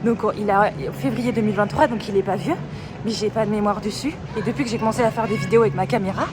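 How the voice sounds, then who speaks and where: A woman's voice: mid-range voice, fairly even intonation, fast talker. A young woman from France talking casually to her phone camera while out and about, rambling through stories with casual swearing. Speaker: vlogger. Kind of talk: casual travel vlog. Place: out and about in streets and a station. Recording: noisy background with traffic.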